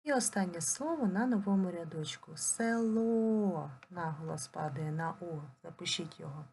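Slow-dictating woman teacher, mellow voice. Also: sits low, a little hiss or hum. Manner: slow, clear dictation, drawing out words syllable by syllable. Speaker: primary school teacher. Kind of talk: recorded online lesson.

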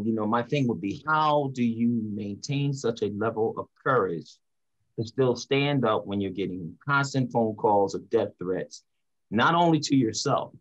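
A middle-aged preacher and motivational speaker from North Philadelphia, United States, speaks in a lowish voice, earnest and emphatic with repeated phrases. It's a casual online panel discussion over a video call, recorded on a computer mic indoors in a small home or office room, with the highs cut off.

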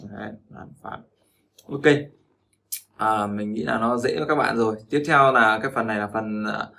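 Man, language teacher, crackly bright tone. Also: medium pitch, creaky. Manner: repeats each word after the recording, then explains. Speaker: Chinese teacher. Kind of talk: pronunciation lesson.

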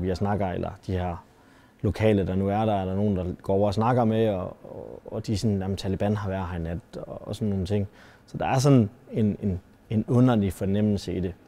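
A man from Denmark, likely in his thirties, recounting his time as a soldier in combat, halting and often restarting his sentences. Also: on the low side, warm tone. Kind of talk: personal storytelling.

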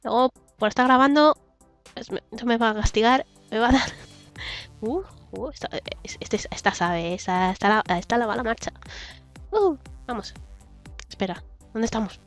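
A young woman who makes gaming videos on YouTube chats and giggles casually while playing a video game, humming and singing to herself, her throat slightly sore. Her fairly high voice moves at a moderate pace with long pauses, and faint music plays behind her.

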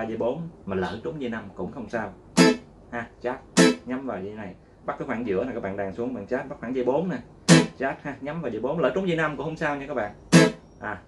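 A man teaching a casual guitar lesson, patiently repeating steps and calling out each strum with sound words. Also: fairly low pitch. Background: guitar playing.

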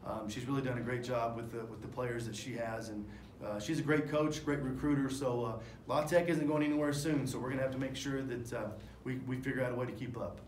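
In a press room with a sponsor backdrop, a forties-aged head basketball coach gives a postgame press conference, speaking into table mics with fairly quick, fairly even delivery at medium pitch. He's frank and meandering, restarting often and using fillers. The audio is echoey with faint noise.

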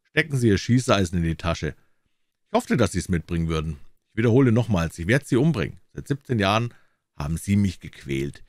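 A vengeful man, as a male reader puts him on, who speaks calmly and with quiet menace. The voice is deep but lively in its melody. It is recorded close in a dry room. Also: brisk, no echo. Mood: menacing. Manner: calm, controlled and threatening.

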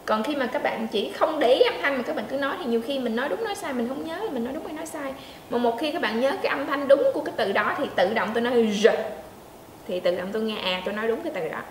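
A woman teaching pronunciation, demonstrating sounds slowly and checking in with her learners. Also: sits high, lively intonation, crowd noise. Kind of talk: pronunciation lesson. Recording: echoey room with faint ambience.

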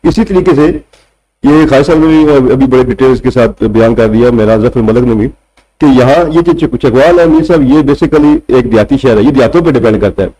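Punjabi-accented journalist guy on a panel, mid pitch, dark mellow voice, keeps asking rhetorical questions. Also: fairly quick, husky, rough recording. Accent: Punjabi Urdu. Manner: argumentative, rhetorical questions to the host. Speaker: senior journalist, panel guest. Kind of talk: studio panel discussion. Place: TV studio set. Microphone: table mic.

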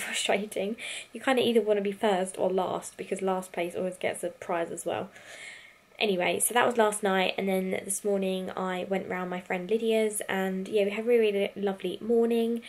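Young british woman rambling on candidly in her bedroom, bit of vocal fry. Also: medium pitch. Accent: British English. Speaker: vlogger. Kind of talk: casual chatty vlog. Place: bedroom at home. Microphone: handheld compact camera.

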